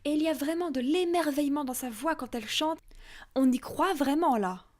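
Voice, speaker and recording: Chatty high-voiced woman vlogger. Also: normal speed. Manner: chatty, frank, lots of fillers. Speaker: video creator. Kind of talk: casual opinion vlog.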